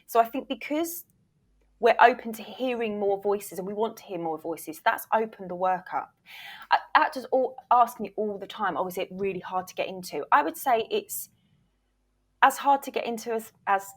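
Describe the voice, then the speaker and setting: Speaking at a normal speed in a mid-range voice, this woman is an interview guest who produces voice reels and used to work as a voiceover agent. She explains things in a conversational, emphatic way, often voicing the questions she imagines actors asking.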